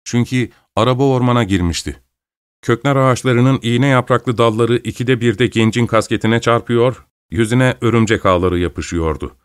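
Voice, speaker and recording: A man reading a story aloud as narrator in a steady, measured manner. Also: mid-range voice, smooth, no echo, studio quality. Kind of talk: scripted narration.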